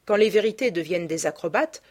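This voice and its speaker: A woman voicing a cultured, quiet old gentleman who speaks in a musing, plaintive way. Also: on the low side, lively intonation, quick pace.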